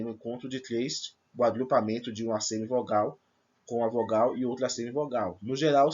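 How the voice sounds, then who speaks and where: A man's voice: mid-range voice, husky, muffled recording. A man teaching a grammar lesson to first-year students, explaining step by step and checking in with his class. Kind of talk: recorded remote class lesson.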